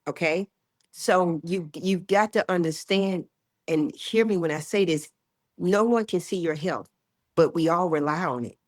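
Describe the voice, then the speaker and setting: A woman in her sixties, a health educator talking as a guest in an interview, emphatic and lively, often acting out what people say. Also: on the low side, unhurried, no room sound, clean studio sound. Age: 60s. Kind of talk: casual interview chat.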